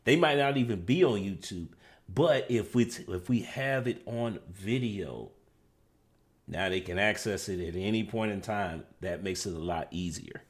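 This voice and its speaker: A man with a very deep, low voice explains his view on a discussion panel. He reasons in a measured way and keeps steering the conversation back to the topic.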